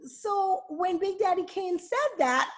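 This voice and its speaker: A high-voiced woman from Pittsburgh hosting a podcast. She chats casually and tells her stories with a lot of expression, and her voice lifts when she acts out what someone said. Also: a little slow. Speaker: podcast host. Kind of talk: casual interview chat.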